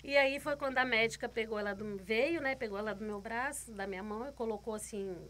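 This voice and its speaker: Guest woman, testimony storyteller: bright, sharp tone, a touch high, vivid and repetitive retelling. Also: a little fast. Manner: vivid retelling, repeating words, voicing others' lines. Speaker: guest giving a faith testimony.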